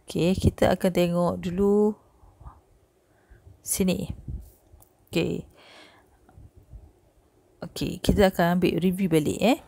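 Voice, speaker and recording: A young woman with a Malaysian accent giving a recorded history lesson, chatty and peppering her points with quick "okay" and "eh" checks. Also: fairly low pitch, fairly even intonation, gravelly, mellow. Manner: chatty, with frequent "okey", "eh" and "ha" checks. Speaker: history teacher.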